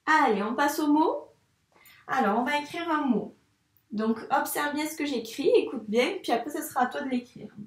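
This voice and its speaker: A woman teaching young children handwriting, speaking slowly and encouragingly and addressing the child directly. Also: high voice, animated. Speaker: primary school teacher. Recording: echoey room, voice a bit far from the mic.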